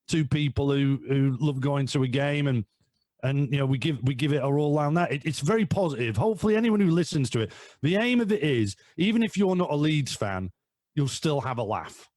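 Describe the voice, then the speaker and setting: A man's voice: a little high, animated, a little fast, a little mellow, no room sound. A middle-aged man from northern England chatting enthusiastically as a podcast guest, rambling with restarts. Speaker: podcast guest, father and co-host of a fan podcast. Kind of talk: casual chat.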